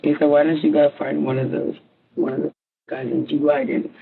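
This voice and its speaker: A woman giving a halting, rambling statement in a police interview, recorded on a tinny line. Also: low voice, level tone, creaky, slight background noise. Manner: halting, rambling, filler-heavy.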